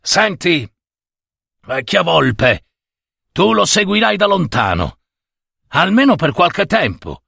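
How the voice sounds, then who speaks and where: A man reading a story aloud, voicing a grumpy old farm master who gruffly scolds his servant. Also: high voice, very animated, slow, pauses often, bright, forceful tone, no echo, studio quality, voice pushed up, full character voice. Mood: scolding.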